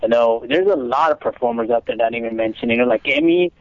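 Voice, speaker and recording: A man's voice: mid-range voice, sing-song, fast talker, vocal fry, dry recording. A man calling in to a radio show, joking and rambling. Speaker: caller. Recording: dull dry phone line.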